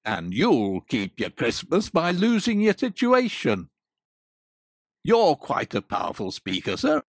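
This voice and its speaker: A woman voicing a grumpy, stern, miserly old uncle with a gruff, scornful manner in a storybook reading. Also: deep voice, wildly swooping pitch, slow pace, no echo, clean studio sound, pitched below the performer's own voice, heavily acted. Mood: biting. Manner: gruff, indignant, biting. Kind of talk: audiobook character voice.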